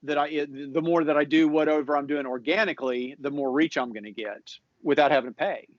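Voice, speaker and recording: Man, relaxed explainer, slightly higher voice, dry dull sound. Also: brisk, no echo. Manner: relaxed, explanatory, restarts often. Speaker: social media marketing guest. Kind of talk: casual advice chat. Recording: dull lo-fi audio.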